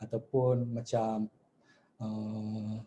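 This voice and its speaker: Malaysian guy teaching news reading over a video call, mellow low-key voice, chatty, throws in english words. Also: level tone, very slow, dull audio, slight background noise. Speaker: trainer for news presenters. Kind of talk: online masterclass talk.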